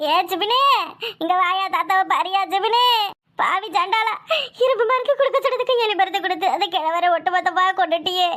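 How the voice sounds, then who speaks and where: Shrill, very high cartoon village daughter-in-law, voiced by a woman; sobbing lament, regional southern dialect, scheming. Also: fairly even intonation, a little fast, a bit bright. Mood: wailing lament. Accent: southern Tamil Nadu village dialect. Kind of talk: cartoon voice acting.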